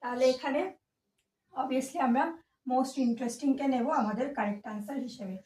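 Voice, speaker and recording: Woman tutor going over exam answers, high voice, sounds a bit far from the mic. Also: moderate pace, darkish tone, a little hiss or hum. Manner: patient, explains step by step, mixes in English phrases. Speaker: English grammar teacher. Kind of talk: exam-prep lesson explaining answers. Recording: echoey room, voice from a distance.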